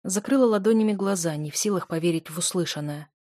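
A woman narrating a first-person audiobook in a steady, expressive way. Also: fairly low pitch, quick pace, no room sound, clean studio sound.

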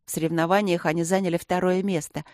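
A woman narrating a children's novel as an audiobook, in an even, steady storytelling voice. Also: fairly low pitch, quick pace, dry recording, clean studio sound.

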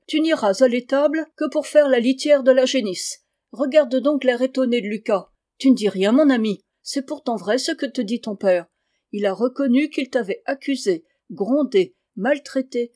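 A woman's voice: fairly high pitch, moderate pace, mellow, voice pushed up, lightly acted. A woman reading aloud the part of a firm, kindly farmer's wife in a classic storybook.

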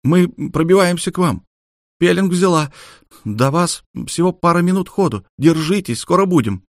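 A man reading an audiobook, voicing a brisk young woman officer calling over a comm link. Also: sits high, animated, dry recording, studio quality, voice pushed up. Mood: urgent.

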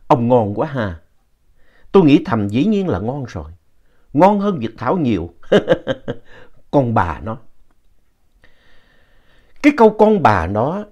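A man telling ghost stories in an expressive, playful narration, reading out a listener's letter. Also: mid-range voice, lo-fi sound. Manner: animated, playful reading with lively shifts in tone.

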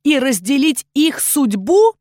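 A woman's voice: high voice, big pitch swings, slow pace, a little mellow, no room sound, studio quality, pitched above the performer's own voice, heavily acted. A woman voicing a scheming, cruel dragon queen in an audiobook, gloating and shrieking her commands. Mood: commanding. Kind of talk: audiobook character reading.

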